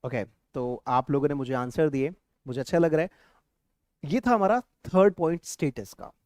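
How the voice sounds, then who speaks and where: A man with an Indian accent and a somewhat high, slightly mellow voice teaches a live spoken English lesson, moving between Hindi and English, repeating example phrases and reading out viewers' comments. The sound is clean, studio-quality, with no room sound.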